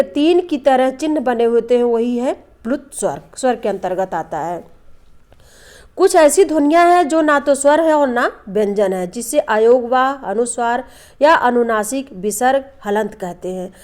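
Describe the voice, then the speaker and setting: High-voiced woman teaching Hindi grammar. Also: a little mellow. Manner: patient, repeats terms and asks questions then answers them; draws out example sounds slowly. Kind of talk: classroom lesson explaining vowels and consonants.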